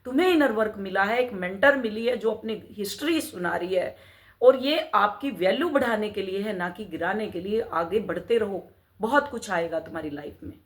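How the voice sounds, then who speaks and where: This middle-aged woman, medium in pitch and normal in pace, delivers a motivational spiritual talk as a mentor. She poses rhetorical questions and repeatedly calls on her listeners to keep going.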